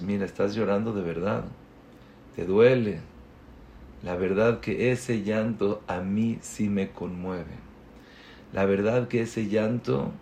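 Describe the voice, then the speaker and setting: A man's voice: on the low side, a little mellow, slight background noise. A man giving a sermon, telling a story with earnest rising and falling emphasis.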